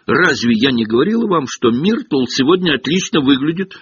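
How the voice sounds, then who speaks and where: A man doing a high, eager schoolgirl. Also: big pitch swings, husky, highs cut off, exaggerated voice. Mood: forced cheer. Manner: brightly fake-cheerful, hurried.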